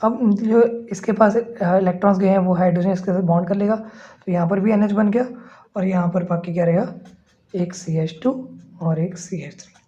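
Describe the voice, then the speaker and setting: Man teaching chemistry, mellow and muffled. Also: sits high, steady tone, moderate pace. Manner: explains step by step, often checks in with listeners. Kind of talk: classroom lecture. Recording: slightly muffled lo-fi recording.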